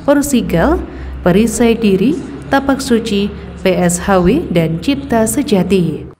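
A woman reading scripted news narration in a formal, measured manner as a reporter. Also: mid-range voice, darkish tone, slight background noise.

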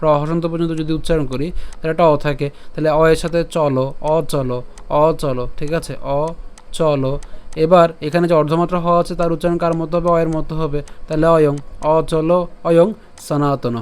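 A man teaching verse pronunciation over slides, patiently repeating each word and syllable slowly and now and then chanting the lines to a melody. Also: fairly high pitch, fairly even intonation, a little mellow, smooth. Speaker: scripture recitation teacher. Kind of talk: slide-based pronunciation lesson.

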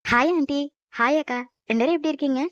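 A woman's voice: high-pitched, fast talker, no echo, dull audio, natural voice. Woman voicing a sweet, sulky young woman. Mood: pouty. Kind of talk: animated cartoon dub.

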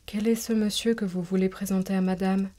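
A woman voicing a shy, timid young female companion in a storybook reading, asking quiet questions. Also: medium pitch, steady tone, fairly quick, natural voice. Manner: soft, hushed questions.

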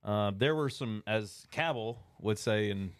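A low-voiced man tells a self-deprecating story close on a boom mic, with a dry, close sound. He laughs at himself as he goes. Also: measured pace, clean tone, dry recording. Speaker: podcast co-host. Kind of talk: casual chat. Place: fly shop, indoors. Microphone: boom mic with headphones.

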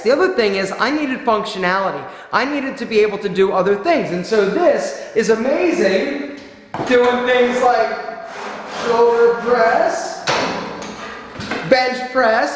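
A man in his forties talking animatedly in a vlog, touring his home gym and gesturing as he speaks. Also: very high-pitched. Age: 40s. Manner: animated, emphatic, gesturing broadly. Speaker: fitness vlogger. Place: small home gym room, indoors. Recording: echoey bare room.

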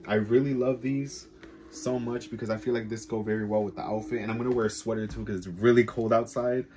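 A young man chatting casually in a vlog, excited and rambling with lots of fillers. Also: on the low side, brisk. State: sleepy, just woken up. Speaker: vlogger.

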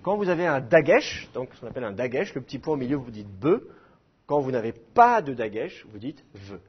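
Teacher guy lecturing, lively up and down, bit husky, dull lo-fi sound. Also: mid-range voice, fast talker. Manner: lively, explains with sounds and self-mocking humor. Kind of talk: classroom lecture.

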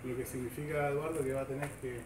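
A man's voice: medium pitch, little pitch movement, fast. A middle-aged man with a Chilean accent gives a chatty, informal speech at a club event, often checking with the crowd. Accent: Chilean Spanish. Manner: chatty, folksy, seeking agreement with tag questions. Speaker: government official giving a speech. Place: open-sided covered sports shed, semi-outdoors. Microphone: far camera, no microphone. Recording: echoey shed heard from a distance, background noise.

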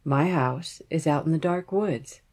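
A woman voicing a rich, sinister bridegroom in a fairy tale, speaking flatly and insistently. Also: low voice, unhurried.

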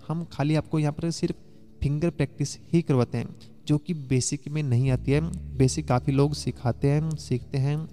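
In a big-sounding room, a man with a slightly high, mellow voice gives a casual keyboard lesson, walking through each step chattily and now and then humming lines of songs. Faint keyboard music plays in the background.

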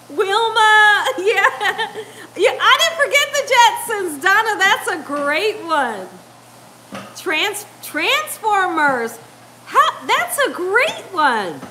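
A middle-aged woman chats on a home-kitchen livestream, speaking very slowly in a very high voice. She laughs often and drawls her words out. She talks into a lapel mic, with faint room noise behind her. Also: pushed and bright. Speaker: cooking channel host reading live chat. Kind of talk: casual livestream chat.

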